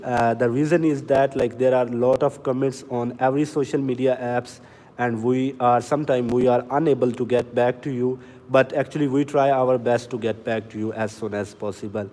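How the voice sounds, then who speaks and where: A man talks slowly and earnestly on a livestream, answering viewers one by one. His voice sits mid-range with a dark, mellow tone, and a long reverb trails behind him. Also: medium pitch. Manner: deliberately slow, earnest, reads out comments. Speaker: livestream sales host for farm machinery. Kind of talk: casual livestream talk to viewers. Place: inside a factory or showroom.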